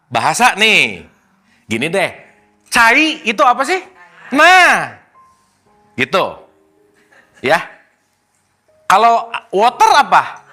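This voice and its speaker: A man's voice: very high-pitched, pushed and bright. A man leading a casual religious study talk, playful and teasing, slipping in English words. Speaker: spiritual teacher.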